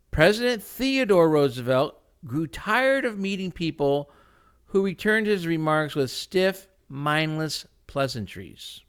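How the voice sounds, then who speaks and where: A man, a music teacher by trade, hosts a motivational leadership book talk from his home kitchen. He speaks into a computer microphone in an emphatic, folksy way, swinging from loud urging to quiet asides. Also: on the high side, clear, resonant tone.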